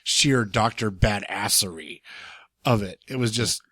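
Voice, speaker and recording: Young male co-host, rambly and hesitant, bright tone, dry close mic. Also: fairly low pitch, unhurried, slightly rough, dry recording. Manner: rambling, hesitant, many restarts. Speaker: podcast co-host. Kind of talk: casual chat.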